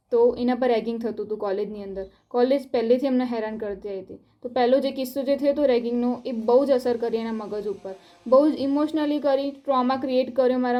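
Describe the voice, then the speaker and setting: Young adult woman, student, earnest and upset first-person statement, slightly high pitch, mellow tone, self-recorded. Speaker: college student. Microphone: self-recorded video.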